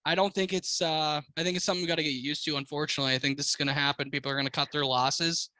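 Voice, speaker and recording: A man's voice: on the high side, fairly even intonation, rapid-fire, sharp tone, low-quality recording. An American man co-hosting a casual podcast, talking like a slangy, swearing frat bro. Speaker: car podcast co-host.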